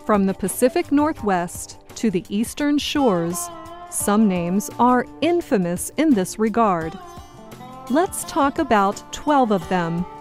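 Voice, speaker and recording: A woman hosting a scripted educational program, enunciating each word carefully and slowly for learners. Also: medium pitch, a little mellow. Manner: clear, carefully enunciated learner-friendly delivery. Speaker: program host. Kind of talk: slow scripted educational narration. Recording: dry studio voice-over with faint music.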